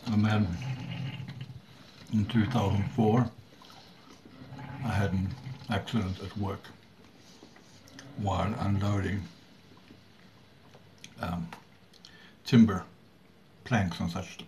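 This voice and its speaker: A middle-aged man chats to the camera in a low voice. He goes very slowly and haltingly, pausing often and clearing his throat. The home recording has noticeable background noise. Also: steady tone. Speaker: vlogger. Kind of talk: casual talk to camera. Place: small room at home indoors.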